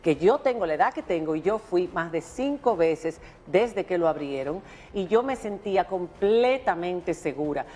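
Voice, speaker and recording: A woman's voice: fairly low pitch, animated, moderate pace, hardly any pauses, mellow, in a large hall. A woman with a Dominican accent giving opinionated news commentary as a talk show host, emphatic and insistent.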